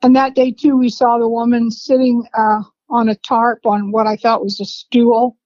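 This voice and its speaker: A woman's voice: on the high side, level tone, darkish tone, dry recording. Older woman reminiscing in a dry, dull recording. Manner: unhurried, rambling storyteller who laughs between memories. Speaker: interviewee, family matriarch. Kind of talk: reminiscing conversation. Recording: dry, slightly dull lo-fi sound.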